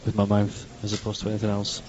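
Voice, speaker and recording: A man's voice: lowish voice, completely flat delivery, fast, crowd noise. A man commentating live on a pool match, chatty with wry asides to viewers. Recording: dull lo-fi stream audio with noise.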